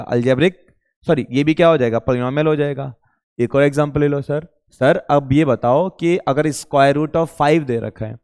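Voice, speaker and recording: A man's voice: fairly high pitch, darkish tone, smooth. A man coaching students in maths for an entrance exam, informally asking questions aloud and answering them himself. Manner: informal, addresses students directly. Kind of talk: exam-prep lecture. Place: coaching classroom. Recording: reverberant room.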